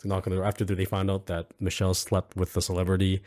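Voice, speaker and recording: Low-voiced man chatting about a movie. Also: monotone, fast talker, a little mellow. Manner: laughs often, acts out quoted lines. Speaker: podcast co-host. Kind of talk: casual movie review chat.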